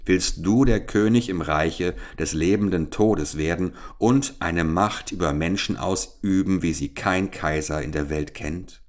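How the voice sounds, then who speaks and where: Guy voicing a stern old scientist king in a storybook, grand and cold, deep voice. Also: measured pace, few pauses. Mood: solemn, weary. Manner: imperious, solemn. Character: proud ancient male scientist-king. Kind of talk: audiobook character reading.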